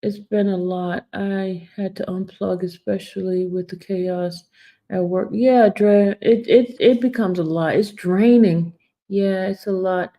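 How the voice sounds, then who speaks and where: Medium in pitch, steady and dark, and a little slow, this woman in her fifties hosts a laid-back live stream where she reads comments, teases viewers by name and speaks sincerely about her stress.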